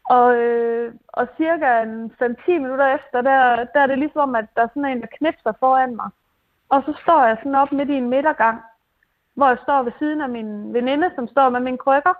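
A woman with a high, bright-toned voice recounts a personal healing experience, pausing often and repeating herself. Her voice comes through thin and narrow, like over a telephone line. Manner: halting, many fillers and repetitions. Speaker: interviewee telling a personal healing story. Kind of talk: emotional personal testimony. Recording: tinny phone-like sound.

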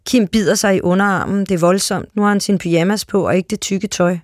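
A calm literary reading of a short story, delivered at a steady, even pace. The voice sits at middling pitch and is recorded close and dry, with no room sound. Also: no echo. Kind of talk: calm literary read-aloud.

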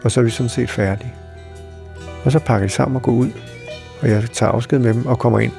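A middle-aged Danish man telling a personal story in a halting, reflective way, with many fillers. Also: mid-range voice, fairly even intonation, vocal fry, dark tone, soft background music. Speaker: interviewee recalling a friend.

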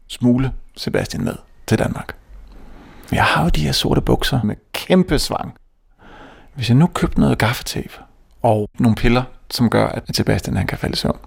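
A young man from Denmark telling a comic story on stage, animated and self-mocking, often stammering and restarting. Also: mid-range voice, creaky, husky. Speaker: stand-up comedian. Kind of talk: stand-up storytelling.

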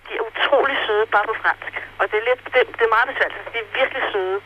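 A teenage girl on an interrail trip, talking hesitantly with many fillers in a phone interview from a post office. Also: on the high side. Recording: telephone line with faint hiss.

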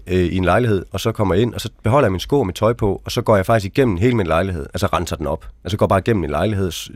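A man's voice: sits low, darkish tone, dry recording, studio quality. A man, an army veteran, telling his experiences as an interview guest in a frank, conversational way, often tagging sentences with questioning asides. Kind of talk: casual storytelling.

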